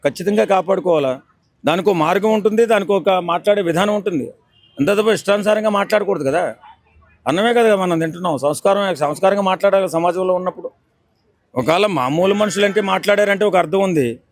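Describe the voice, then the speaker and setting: Indignant high-voiced man scolding. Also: fast, no room sound, studio quality. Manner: indignant, repetitive, lecturing. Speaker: member of the public interviewed. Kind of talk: street interview opinion.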